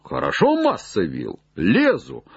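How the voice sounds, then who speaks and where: A man voicing an old male servant, simple and sly, calling down in high drawn-out shouts. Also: wildly swooping pitch, gravelly, husky, lo-fi sound, heavily acted. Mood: wary. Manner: high drawn-out calls from far up a tree.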